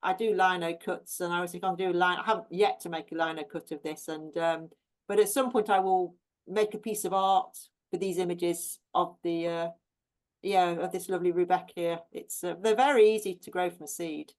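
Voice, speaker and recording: Talking a little fast in a voice on the low side with fairly even intonation, a professional gardener from England chats as a guest about her plants. She's warm and chatty, peppering her talk with ums and restarts.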